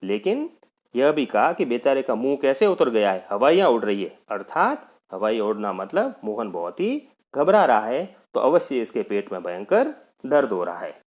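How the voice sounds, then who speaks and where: A man's voice: medium pitch, very animated, normal speed, a little mellow. A male teacher explaining a textbook play to children, addressing them directly. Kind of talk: explaining a textbook lesson to students.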